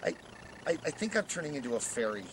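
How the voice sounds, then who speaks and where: A man's voice: a little high, big pitch swings, fast, background noise. A man delivering a comic confessional monologue, stammering and repeating words in frantic, self-mocking bursts.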